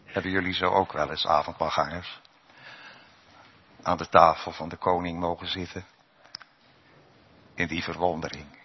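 A man preaching a sermon to his congregation, swinging between loud raised passages and low hushed ones. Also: flat delivery, normal speed, pauses often, breathy edge. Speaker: pastor. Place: church. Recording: dull lo-fi church recording with long reverb.

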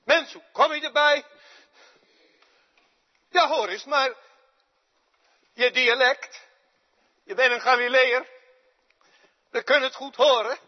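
A man preaching acts out an anguished apostle who cries out in high, strained bursts. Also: animated, slow pace, pauses often, in a large hall, muffled recording, exaggerated voice. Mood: denying, heated. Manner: crying out in high, strained outbursts. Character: anguished apostle, a rough fisherman torn by anger and fear.

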